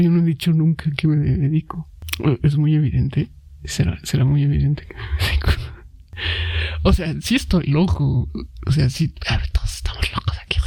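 A man's voice: fairly high pitch, mellow, slightly rough, dry recording. A man hosting a casual solo podcast, rambling, joking and correcting himself as he talks straight to the listener. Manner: addresses listener directly, frequent asides. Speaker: podcast host.

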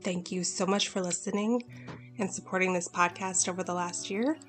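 Lady reading her own folk story on her podcast, calm and clear, soft music in the back. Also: on the low side, normal speed, rough recording.

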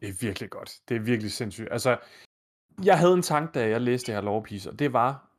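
A man's voice: mid-range voice, expressive. A man co-hosting a gaming podcast, talking casually and enthusiastically, rambling through his thoughts. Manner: enthusiastic, quick, rambling analysis. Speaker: podcast co-host. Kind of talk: casual chat.

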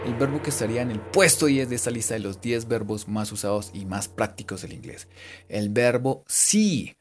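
A man giving a casual, joking English lesson and repeating English words slowly for his students. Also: medium pitch, over music. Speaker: English teacher. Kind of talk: casual bilingual language lesson.

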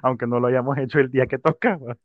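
A man's voice: mid-range voice, steady tone, fast, no room sound, dull audio. A man co-hosting a casual podcast, teasing his partner with short remarks. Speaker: podcast co-host. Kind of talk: casual chat.

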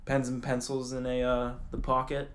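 A man's voice: mid-range voice, completely flat delivery, normal speed, a bit bright. A young man co-hosting a podcast, laid-back and easygoing in casual banter. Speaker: podcast co-host.

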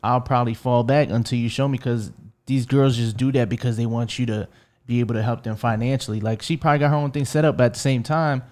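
Young man, casual podcast chat, laid-back, slangy, mid-pitched. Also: fairly even intonation, fast talker, a little mellow. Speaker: podcast co-host.

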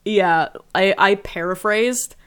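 A woman's voice: mid-range voice, slow pace, a bit bright, clear, resonant tone. A woman co-hosting a podcast, chatting casually and giggling often. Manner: giggly, chatty, many fillers. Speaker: podcast co-host. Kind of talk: casual chat about an anime.

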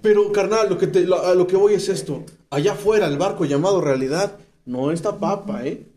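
At a rehab center, a Mexican-accented man delivers a testimony sermon, slangy and emphatic, reading scripture and explaining it. His voice is high but mellow and warm, never sharp, and he speaks fairly quickly.

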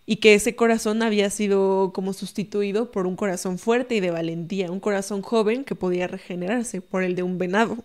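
A young woman with a Mexican accent tells a story in a relaxed conversation. She keeps it animated, often tags her lines with a questioning "¿no?", and acts out the people she quotes. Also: medium pitch, fairly quick, few pauses. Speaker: podcast guest storyteller. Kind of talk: casual storytelling.

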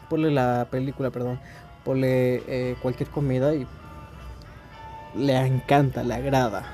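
A man with a Mexican Spanish accent delivers a casual monologue, rambling in a laid-back, slangy way to his listeners. His voice is medium-pitched with a dark tone.

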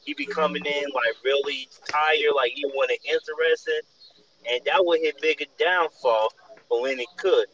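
A man's voice: a little high, moderate pace, lo-fi sound, background noise. A man in casual chat, telling a long, rambling basketball story with many fillers.

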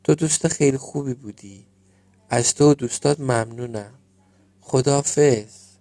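A man voicing a gentle, grateful old fruit tree in a storybook tale, speaking slowly and softly. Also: mid-range voice, dry recording, close to an everyday voice. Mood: tender farewell.

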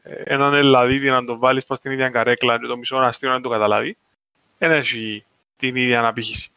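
Cypriot greek guy chatting in a discussion, lowish bright voice, really dry recording. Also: little pitch movement, clean tone, no room sound. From Cyprus. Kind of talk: casual discussion.

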